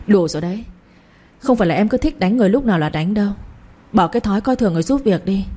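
A woman's voice: mid-range voice, animated, very fast, dark tone, husky. A woman voicing an angry young husband who scolds his wife sharply in a read-aloud story.

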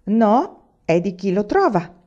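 A woman's voice: medium pitch, sing-song, slow, a little mellow. A woman reading the part of a young man in love, pleading tenderly in a storybook. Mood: eager. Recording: slightly dull lo-fi recording.

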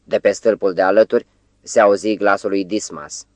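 Man, audiobook narrator, lowish voice, measured literary reading, dry close sound. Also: fairly even intonation, no echo.

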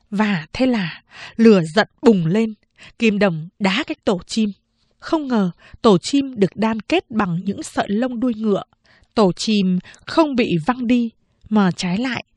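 Brief: female audiobook narrator, unhurried and steady, slightly high voice, close dry mic. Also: no room sound. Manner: steady, measured storytelling. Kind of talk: scripted novel narration.

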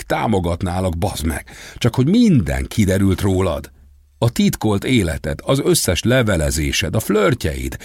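A man voicing a betrayed woman, shouting and cursing bitterly down the phone. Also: low-pitched, slightly rough, no room sound, clean studio sound.

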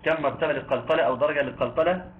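A man with an Egyptian accent teaching Quran recitation, quizzing listeners and slowly chanting verses. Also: a little high. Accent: Egyptian Arabic. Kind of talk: online tajweed lesson. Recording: tinny phone-like line with faint noise.

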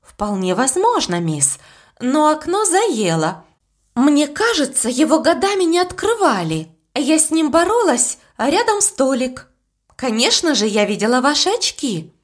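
A woman's voice: high voice, sing-song, unhurried, pitched above the performer's own voice. A woman voicing a bold young housemaid who speaks frankly and stands her ground. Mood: respectful.

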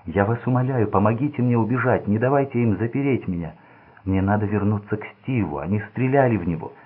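A man's voice: lowish voice, a little fast, husky. A man reading the lines of a frightened, desperate young woman held captive, pleading and distraught, in a storybook. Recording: phone-like narrow band.

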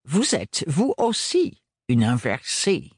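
Man doing an excitable eccentric old scholar. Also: high voice, takes it slowly, breathy edge, dry recording, clean studio sound, voice pushed up, full character voice. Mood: delighted. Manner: exclamatory, sprinkles English words. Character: excitable eccentric older male scholar, father.

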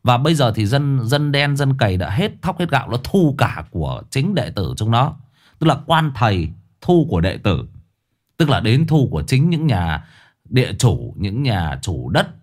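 A man telling a tragic true story to his listeners in a casual spoken style, with sudden high emphatic bursts and low somber drops. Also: sing-song, normal speed. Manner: addresses listeners directly, casual with restarts.

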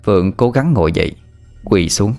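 Low-voiced man narrating a horror story. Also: moderate pace, soft background music. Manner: steady, dramatic storytelling.

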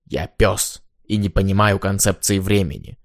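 Мужчина озвучивает ворчливого пса-насмешника. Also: male voice, normal speed, no echo, studio quality. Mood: grumbling dry. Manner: low grumbling, sarcastic. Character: grumbling male dog-like creature, sardonic.

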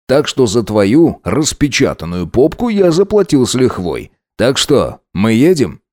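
A man's voice: medium pitch, wildly swooping pitch, darkish tone, no room sound, studio quality. Man playing a smug, teasing rich guy. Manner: teasing, self-satisfied, unhurried. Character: smug, wealthy young man who mocks and teases. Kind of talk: audiobook drama acting.

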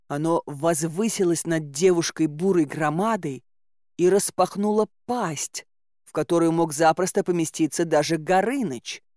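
Lively, wry woman narrating a story. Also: fairly low pitch, no room sound, studio quality. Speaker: audiobook narrator. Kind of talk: expressive audiobook narration.

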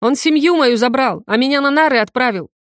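A woman voicing a desperate ex-convict man who takes hostages, shouting bitterly. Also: high-pitched, animated, moderate pace, no echo, clean studio sound, voice pushed up. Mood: bitter rage.

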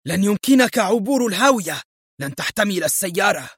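A man's voice: mid-range voice, brisk, slightly rough, dry recording, studio quality, close to an everyday voice. A man voicing a nervous, frightened male companion in an audio story, asking worried questions. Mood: panicked. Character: anxious frightened middle-aged male companion.

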